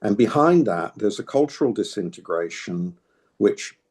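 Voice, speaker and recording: Answering interview questions, an older man with a New England American accent uses a fairly low, expressive, slightly mellow voice at a moderate pace. He is a political activist from New England, United States, and his reflective talk is hesitant and thoughtful, full of restarts.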